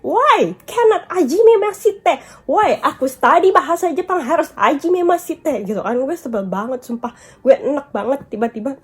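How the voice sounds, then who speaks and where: Woman, high voice, upset and venting, tearful at times, vlog. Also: moderate pace. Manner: upset, venting, mixing English and Japanese words. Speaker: vlogger. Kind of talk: emotional storytime vlog.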